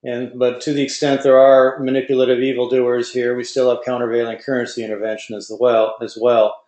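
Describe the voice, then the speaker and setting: A man's voice: medium pitch, flat delivery, brisk, darkish tone, reverberant. A man moderating an online webinar Q&A, reading out audience questions with folksy asides.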